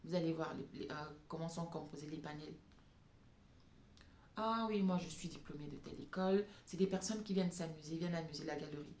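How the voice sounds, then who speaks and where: A vlogger from francophone Africa speaks to African women in an impassioned, off-the-cuff opinion monologue, repeating phrases for emphasis. Her deep voice is slightly mellow and a little fast. The room is echoey with background noise.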